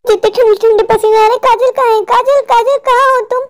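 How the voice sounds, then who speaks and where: A woman voicing a high-pitched frightened husband. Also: steady tone, a little fast, background noise. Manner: fretful, complaining, panicky. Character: frightened, whiny adult husband, mall owner. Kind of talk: cartoon voice acting.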